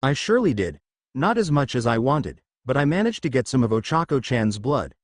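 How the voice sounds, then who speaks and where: A man's voice: medium pitch, sing-song, a little fast, no room sound, studio quality. A man voicing a giggly, obsessive young female villain in a read-aloud story. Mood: gleeful.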